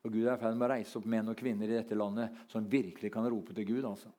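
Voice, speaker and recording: A man preaching a sermon, rambling and halting with many fillers, then climbing into fervent, near-shouted lines. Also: lowish voice, little pitch movement.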